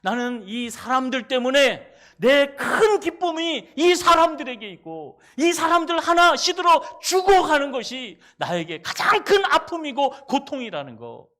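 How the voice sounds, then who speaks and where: A man voicing God as an exasperated father, shouting rebukes at his son in a sermon. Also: very high-pitched, sing-song, a little slow, few pauses, pitched above the performer's own voice, heavily acted. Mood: exasperated scolding. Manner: shouting rebukes, rhetorical questions.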